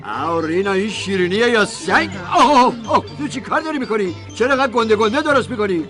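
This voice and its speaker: A fussy, bossy middle-aged householder, scolding one moment and coaxing the next. His voice is pitched fairly high. Film music plays clearly beneath him. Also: expressive, fairly bright tone. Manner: scolding then sweetly coaxing. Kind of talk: Persian film dub.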